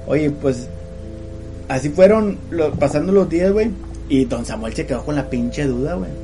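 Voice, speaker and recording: A man's voice: fairly high pitch, animated, moderate pace, over music. A man, co-hosting a podcast and telling a ghost story in loose, slangy chat, tossing in "güey" every few words.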